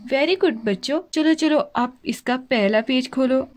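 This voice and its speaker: A woman's voice: sits high, a little slow. A woman voicing a strict female schoolteacher doll in a doll play story, bossy and hurrying the class along. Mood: stern.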